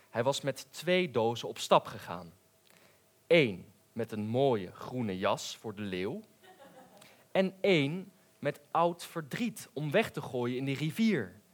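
A man reading a children's story aloud in an unhurried, expressive way. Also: mid-range voice.

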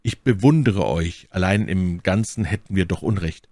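A man reading an audiobook and voicing an earnest, lively young musketeer. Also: low-pitched, moderate pace, vocal fry, dry recording, clean studio sound.

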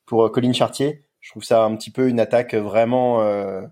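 A man's voice: mid-range voice, steady tone, normal speed, darkish tone. A man co-hosting a podcast, talking in a rambling way and repeating words. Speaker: podcast co-host. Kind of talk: casual podcast chat.

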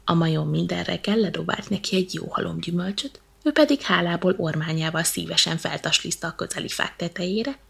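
Gravelly-voiced woman reading a bedtime story. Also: fairly low pitch, few pauses. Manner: lively, playful narration.

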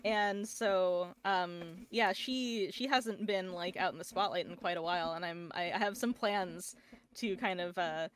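A woman's voice: on the low side, measured pace. A woman guest on a casual podcast, chatting fondly and rambling with frequent restarts as she talks about her streaming characters. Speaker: podcast guest, VTuber and artist.

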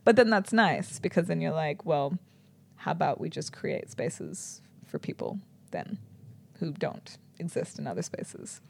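NZ woman, deep fry-edged voice, reflective conversational read with soft trailing endings. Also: sing-song, unhurried. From New Zealand. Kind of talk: casual conversation.

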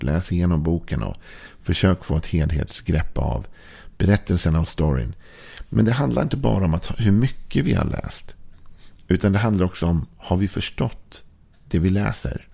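A man speaking as a church devotional podcast host, talking calmly and reflectively and slowing down to read scripture verses. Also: low-pitched, vocal fry. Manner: calm, reflective, unhurried, slows down for scripture verses.

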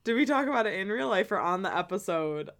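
A woman's voice: medium pitch, expressive, fast, fairly bright tone. Playful swearing young woman. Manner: playful, swears, laughs a lot. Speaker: podcast co-host. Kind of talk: casual chat.

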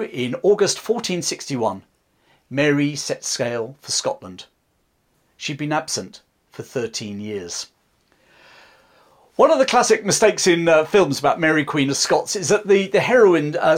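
A man tells history with real theatre in his voice, his pitch leaping up and dropping low for effect. He sits a little higher than most men and slips into friendly asides to the viewer between the dramatic beats. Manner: dramatic storytelling with chatty asides. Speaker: history channel host. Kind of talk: history storytelling to camera.

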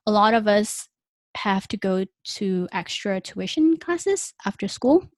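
Speaking unhurriedly in a mid-range voice with animated intonation, a young Malaysian woman, Malay being her first language, gives a casual chatty interview full of fillers and soft laughs. The recording is dry and studio clean.

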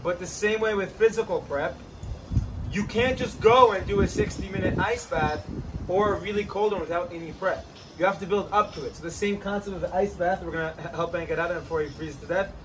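A man hosting a casual outdoor chat, giving energetic, joking fitness advice beside an ice bath. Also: high voice, fairly quick, recorded from a distance, noisy background. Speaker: host, trainer.

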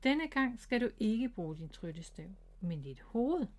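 A woman voicing a patient, gentle mother rabbit teaching her son, in a storybook read-aloud. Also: fairly high pitch, big pitch swings.

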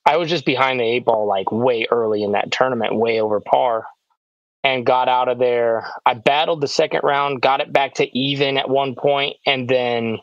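A man and pro disc golfer, recapping his tournament in a relaxed, rambling casual chat full of "like" fillers. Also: medium pitch, normal speed, dry recording. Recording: dull, dry lo-fi sound.

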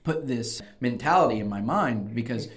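A man's voice: mid-range voice, lively intonation, normal speed. Man explaining things on a conversational podcast. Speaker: podcast host and debate coach.

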